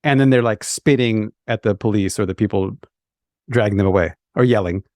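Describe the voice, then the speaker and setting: Low-voiced man hosting, clarifying points. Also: a little fast, a little mellow, dry recording, clean studio sound. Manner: explanatory, summarizing the guest's point. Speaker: podcast host. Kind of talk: conversational interviewing.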